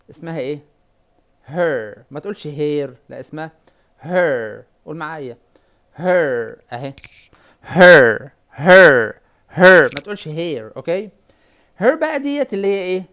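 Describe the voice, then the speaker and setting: A man with an Egyptian Arabic accent teaching a whiteboard English lesson, repeating words slowly and quizzing the viewer. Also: on the high side, darkish tone.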